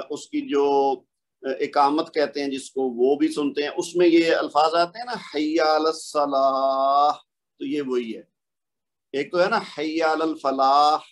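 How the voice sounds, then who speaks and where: Patient, fairly high-voiced male teacher. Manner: patient, explaining step by step with questions to the learner; slows down to draw out example words. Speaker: Quran recitation teacher. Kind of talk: recorded online lesson.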